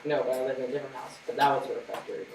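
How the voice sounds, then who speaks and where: Woman student, very low voice, jokey remarks, echoey room. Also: level tone, very fast. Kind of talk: class discussion. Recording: distant roomy classroom audio with loud background noise.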